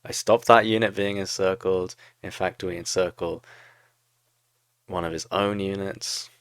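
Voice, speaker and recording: A man's voice: low-pitched, fairly even intonation, unhurried, smooth, no echo. A young man casually commentating his own strategy game replay, thinking aloud and criticizing his own moves with a laugh. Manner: self-critical, talks through moves, laughs at own mistakes.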